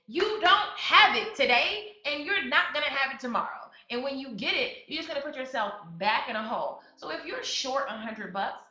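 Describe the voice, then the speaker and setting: A woman's voice: a little high, sharp tone. Chatty woman in her thirties, echoey room. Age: 30s. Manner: chatty, with many fillers and restarts, turning emphatic when giving advice. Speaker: podcast host. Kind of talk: casual advice monologue. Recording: echoey, slightly dull sound.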